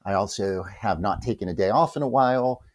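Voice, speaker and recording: A man hosting a spiritual reflection vlog, talking in a chatty, animated way with asides. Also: brisk. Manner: animated, chatty, with wide pitch swings and asides. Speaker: host of a spiritual reflection channel.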